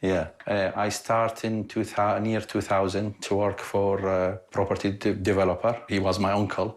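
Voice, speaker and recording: A man from Iraq, a property developer, answering interview questions in halting, slightly broken English with many pauses. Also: fairly low pitch, level tone. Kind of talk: on-site interview.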